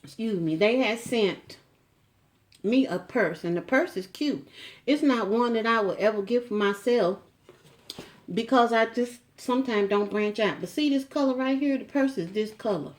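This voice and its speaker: A woman's voice: on the high side, normal speed. A middle-aged woman chatting casually to camera at home, folksy and teasing, with frequent asides to her viewers. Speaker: vlogger.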